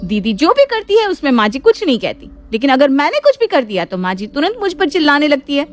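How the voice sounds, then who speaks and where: A woman's voice: high-pitched, steady tone, fairly quick, slight background noise, natural voice. A woman voicing a resentful younger daughter-in-law who complains of being treated as second best in a cartoon story. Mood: aggrieved. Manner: aggrieved and complaining.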